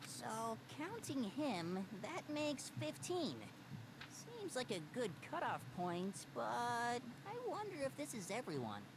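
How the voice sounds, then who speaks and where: Breathy, slow, innocent schoolgirl. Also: on the high side, very animated, background noise, heavily acted. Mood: innocent wonder. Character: innocent, thoughtful young schoolgirl.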